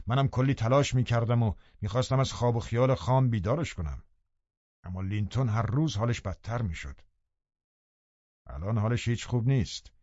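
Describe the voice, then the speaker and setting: A man's voice: medium pitch, darkish tone, dry recording, lightly acted. Heathcliff, a man playing a mocking menacing man. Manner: mocking, taunting with laughs. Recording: dull dry audiobook recording.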